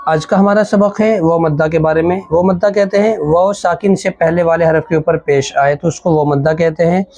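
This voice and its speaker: A man who teaches Arabic, giving a Quran reading lesson that switches from brisk explaining to slow, drawn-out letter drills. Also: fairly high pitch, darkish tone, dry recording, low-quality recording.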